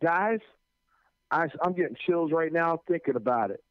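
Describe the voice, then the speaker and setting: A man tells stories in a slightly high voice, animated and stammering as he starts each thought. The sound is thin and tinny like a phone line, and dry with no room echo. He speaks as a visiting anti-drug school speaker. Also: moderate pace, clean tone. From New Jersey. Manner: animated, stammers on starts, acts out others' lines. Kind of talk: casual storytelling chat.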